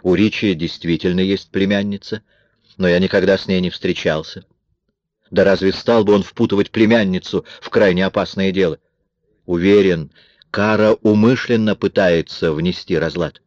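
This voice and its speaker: A man voicing a cool, composed man who answers accusations calmly and dismissively. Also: deep voice, normal speed, dry recording, natural voice. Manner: calm, dry and dismissive. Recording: dry, dull lo-fi recording.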